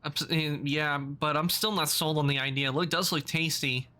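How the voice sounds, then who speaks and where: Bright-voiced male streamer, wry asides. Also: a little high, steady tone, moderate pace. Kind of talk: casual live game commentary.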